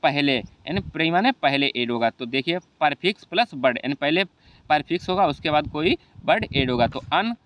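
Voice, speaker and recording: A man's voice: a little high, lively intonation, moderate pace, fairly bright tone. A man with a Hindi accent teaching an exam revision lesson, often asking rhetorical questions and adding "okay, brother.". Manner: repeats rhetorical questions and "ठीक है भैया".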